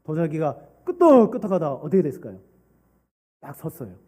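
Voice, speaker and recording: A male pastor preaching a sermon, telling a story and asking the congregation questions in an animated way. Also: fairly high pitch, a little fast.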